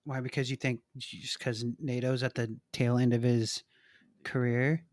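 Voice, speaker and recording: Male co-host, middle pitch, dry room, easygoing and questioning. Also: level tone, measured pace, dry recording. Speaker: podcast co-host. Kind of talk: casual sports podcast chat.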